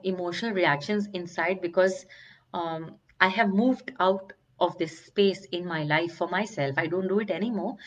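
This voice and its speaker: A middle-aged woman, a wellbeing coach giving an earnest, searching talk on emotional healing. She often restarts and stretches words for emphasis. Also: mid-range voice. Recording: slightly dull, lo-fi sound.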